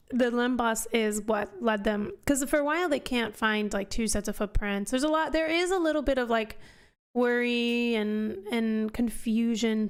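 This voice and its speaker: A woman's voice: on the high side, clear, resonant tone. A woman hosting a book club live stream, chatting casually and rambling as she answers questions from chat. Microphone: headphones on, desk mic.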